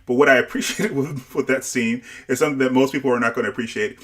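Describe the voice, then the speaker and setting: Halting man from Barbados, livestream co-host. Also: medium pitch, steady tone, fairly bright tone. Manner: halting, many restarts and repeated words. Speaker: show co-host. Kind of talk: casual review discussion.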